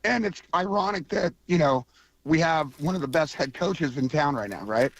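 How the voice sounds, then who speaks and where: A man with a coarse, gravelly voice from allergies, chatting casually and enthusiastically as a caller to a radio show. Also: on the high side, lively intonation, normal speed, no room sound. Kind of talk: casual call-in chat. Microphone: phone call to radio show. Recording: band-limited phone line.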